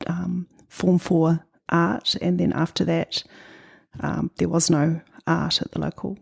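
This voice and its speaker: A woman's voice: on the low side, level tone, takes it slowly, creaky, slightly rough. A middle-aged woman from New Zealand with a New Zealand accent, answering interview questions in a thoughtful, hesitant way. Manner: thoughtful, hesitant, many ums. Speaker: guest artist.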